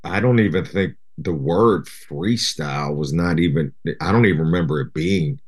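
A middle-aged man from Japan, a guest rapper, chatting in an interview in a relaxed, rambling way full of "you know". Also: low voice, moderate pace, breathy edge. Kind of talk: casual interview chat.

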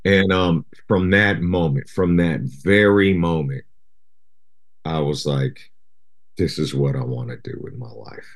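A middle-aged man from Japan, a guest rapper, chatting in an interview in a relaxed, rambling way full of "you know". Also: deep voice, measured pace. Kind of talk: casual interview chat.

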